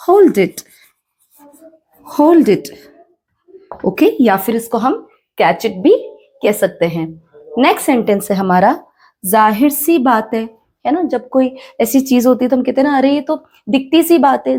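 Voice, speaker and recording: A woman with an Indian accent teaching a spoken English lesson, slowly repeating each phrase and quizzing the learners. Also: high voice, warm tone. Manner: slow, repeats each phrase, asks the class questions.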